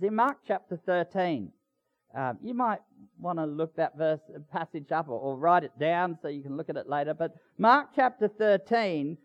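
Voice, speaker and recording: A man preaching a sermon as a Baptist minister, speaking with warm pastoral emphasis. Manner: lively, swinging pitch with warm pastoral emphasis. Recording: dull lo-fi sound.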